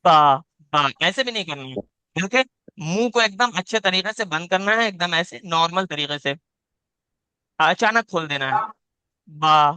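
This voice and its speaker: Bright, clear-voiced male Quran teacher. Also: high voice, lively intonation, normal speed, no room sound. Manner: patient, repeats points, demonstrates each sound aloud. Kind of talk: live online class, teaching letter sounds. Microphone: video call.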